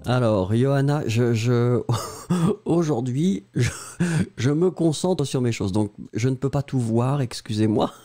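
A man's voice: mid-range voice, expressive, a little slow, warm tone, faint music behind. A man teaching French grammar on a live stream, patiently spelling out words and answering viewers by name.

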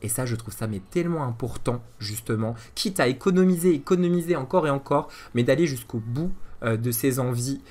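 A man's voice: medium pitch, fairly quick, few pauses. Chatty man in his thirties streaming. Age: 30s. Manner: chatty and animated, laughing at his own jokes. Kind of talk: casual live-stream chat with viewers.

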